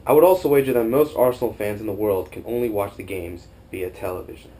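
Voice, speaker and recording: A man's voice: lowish voice, fast talker, dark tone, low-quality recording. Young man reading a narration. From Costa Rica. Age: young adult. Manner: earnest, formal reading. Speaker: student documentary narrator. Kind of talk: scripted narration.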